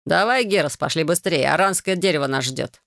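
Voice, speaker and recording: A woman voicing a calm, wry young male dragon in an audiobook. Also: low-pitched, brisk, gravelly, no room sound, studio quality, full character voice. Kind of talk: audiobook character voice.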